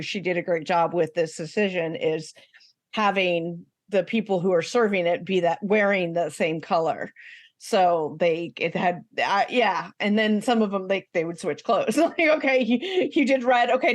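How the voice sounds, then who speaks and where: A woman's voice: mid-range voice, dry recording. Emphatic, chatty woman co-host, casual recap, laughs easily. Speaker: podcast co-host.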